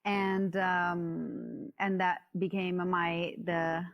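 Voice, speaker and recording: Italian woman in her 30s, low-ish voice, talks real slow, lots of ums and restarts, laughs a lot, podcast guest. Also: flat delivery, vocal fry, muffled recording. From Italy. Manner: hesitant, many fillers and restarts, laughs often. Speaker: guest, coach. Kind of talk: casual podcast interview. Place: yurt at home.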